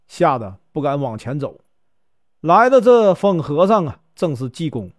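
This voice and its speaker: A man telling a folk tale in a lively, chatty way, with drawn-out fillers. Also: a little high. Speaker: storyteller. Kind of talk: folk storytelling narration.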